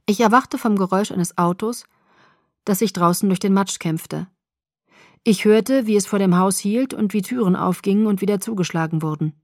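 A woman reading first-person audiobook narration in a calm, measured storytelling manner. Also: medium pitch, dry recording, studio quality.

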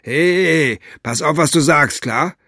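Flachnase: a man playing a smug gruff thug. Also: on the high side, expressive, moderate pace, fairly bright tone, dry recording, studio quality, pitched above the performer's own voice. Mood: gloating. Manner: gloating, sneering, grunting. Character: coarse, smug male henchman, mocking and gruff.

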